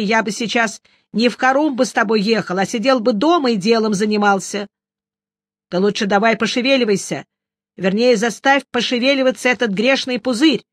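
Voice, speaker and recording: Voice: mid-range voice, fairly bright tone, no room sound, studio quality, lightly acted. A reader voicing a grumpy, sarcastic old male wizard in an audiobook, with a sardonic, grumbling manner. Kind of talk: audiobook character reading.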